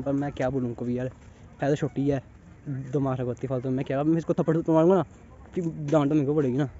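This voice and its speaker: A young man narrates a vlog outdoors, his sore throat keeping him soft and subdued. His voice sits a little high with a mellow, warm tone. The phone audio is dull and lo-fi. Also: a little hiss or hum. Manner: chatty, teasing and exasperated. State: sore throat, speaking softly. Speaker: vlogger. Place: outdoors in a wildlife sanctuary.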